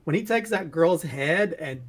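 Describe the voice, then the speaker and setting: A man's voice: a little high, lively intonation, a little slow. A man on a film review panel, rambling with restarts and laughing asides. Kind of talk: casual podcast film discussion.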